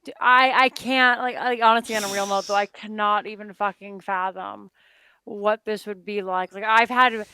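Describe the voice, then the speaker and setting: A woman's voice: mid-range voice, fairly even intonation, normal speed, sharp tone, a little hiss or hum. A young woman from Phoenix, Arizona, chatting casually as co-host of a reaction show, stammering, repeating words and swearing offhandedly. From Phoenix, Arizona, United States.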